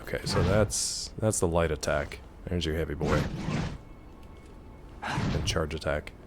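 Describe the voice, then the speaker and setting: A man's voice: rumbling low, measured pace, over loud music. A man giving casual, rambling gameplay commentary, joking playfully as he chats with his viewers. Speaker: game streamer.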